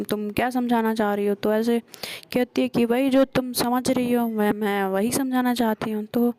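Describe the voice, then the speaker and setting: Woman storyteller, gravelly dark voice, flat even delivery, dry close mic. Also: fairly high pitch, no echo. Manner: retells scenes with quoted dialogue, frequent hesitations. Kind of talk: casual spoken story retelling.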